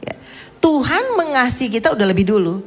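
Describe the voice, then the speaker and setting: A woman's voice: on the high side, very animated, a little fast. A middle-aged woman pastor preaching a sermon, telling a story and acting out the voices she quotes, with emphatic rising questions.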